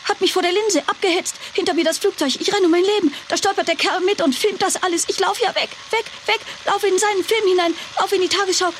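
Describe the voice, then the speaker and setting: A frantic escaped hostage. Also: female voice, very high voice, steady tone, quick pace, hardly any pauses, a little hiss or hum. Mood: agitated. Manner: breathless fragmented inner monologue. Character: young woman hostage fleeing a hijacked plane, frantic. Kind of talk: radio drama inner monologue.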